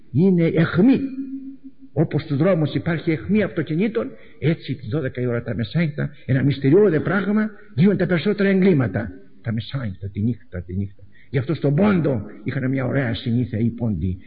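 A man preaching a sermon with a dramatic delivery, repeating phrases and swinging between loud outbursts and hushed asides. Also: medium pitch. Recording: echoey hall, dull lo-fi recording.

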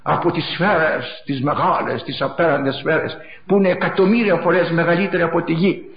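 A man's voice: on the high side, steady tone, creaky. Impassioned middle-aged male preacher, echoey. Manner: impassioned, repetitive, swings from loud to hushed. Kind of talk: sermon. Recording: echoey, dull lo-fi recording.

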